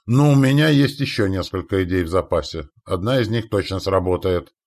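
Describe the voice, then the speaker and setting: A man narrating a first-person audiobook in a measured, wry manner. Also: low voice, expressive, darkish tone.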